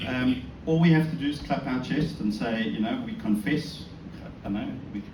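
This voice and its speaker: A South African man gives a conversational, self-deprecating religious talk at a synagogue, speaking at a medium pitch and a moderate pace. He addresses the audience informally and frequently poses rhetorical questions. Audio quality suffers from room echo, a distant microphone, and a noisy background.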